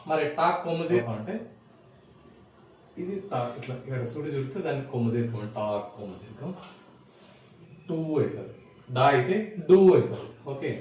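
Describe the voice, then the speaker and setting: A man's voice: mid-range voice, darkish tone. A man teaching a Tamil script lesson, explaining each step patiently and asking simple questions as he goes. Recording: echoey room, mic at a distance, faint noise.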